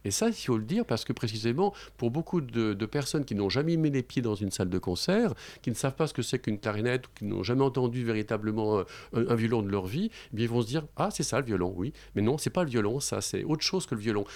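A man speaking as a guest in a radio studio, explaining his point with emphasis. He hesitates often and keeps checking that the listener follows. His voice sits at an ordinary middle pitch. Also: a little mellow. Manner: explanatory, emphatic, frequent hesitations and "vous voyez". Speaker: sound expert guest.

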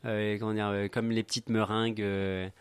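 A man chatting as a guest on a talk show, often pausing to search for words. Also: fairly low pitch, flat delivery, clear, resonant tone, no echo. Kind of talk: casual chat.

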